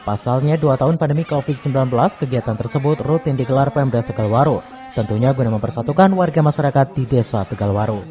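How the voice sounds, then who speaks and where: Male news reporter, Indonesian accent, scripted narration, soft-edged tone, rapid delivery. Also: medium pitch.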